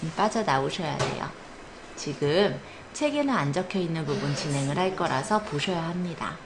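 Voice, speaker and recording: Her voice sits low, with lively intonation and a moderate pace, as she guides a spreadsheet class at a computer academy. The hands-on lesson proceeds one step at a time, and she keeps checking in with quick questions and encouraging words. Background noise from the classroom is clear.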